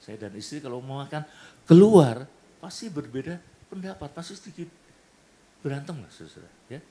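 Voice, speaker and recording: A man with an Indonesian accent preaching a sermon in a church, animated and acting out the people in his stories. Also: a little high, normal speed, slight background noise. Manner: animated, acts out quoted voices and jokes. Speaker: pastor. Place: church hall.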